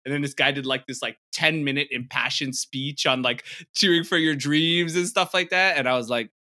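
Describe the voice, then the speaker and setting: Bright, slangy man. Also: medium pitch, normal speed. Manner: animated, slangy storytelling. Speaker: podcast host. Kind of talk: casual chat.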